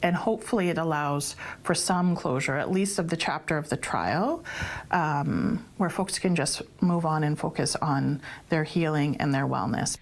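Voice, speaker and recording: A woman's voice: sits low, moderate pace, creaky. A woman in her forties, an executive director, speaking earnestly in an interview clip with some hesitant fillers. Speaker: executive director of a support centre.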